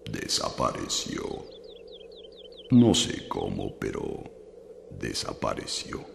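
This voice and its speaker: A man playing an ancient, dying talking pine tree in a children's audio drama, ponderous and gravelly. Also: huge pitch swings, takes it slowly, slight background noise, exaggerated voice. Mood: mournful, weary. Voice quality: deep, gravelly.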